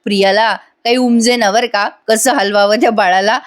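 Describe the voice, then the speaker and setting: High-voiced woman recapping a serial. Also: steady tone, normal speed. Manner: chatty, giggling storytelling. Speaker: episode review narrator.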